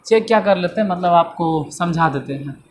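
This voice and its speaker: A man's voice: high-pitched, moderate pace. Male teacher, repetitive classroom explaining, faint background noise. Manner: repetitive, asks and answers own questions. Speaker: English teacher. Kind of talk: classroom lesson explaining grammar.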